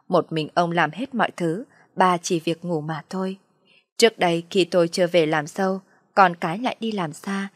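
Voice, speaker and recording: A woman narrating a first-person family story in a calm, reflective way. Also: lowish voice, no echo, clean studio sound.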